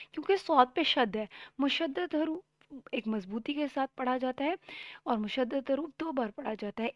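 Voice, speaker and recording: Higher-voiced woman teaching tajweed. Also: no room sound. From Pakistan. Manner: recites words slowly and drawn out, then explains step by step. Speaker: Quran teacher. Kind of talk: tajweed lesson. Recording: dull lo-fi recording.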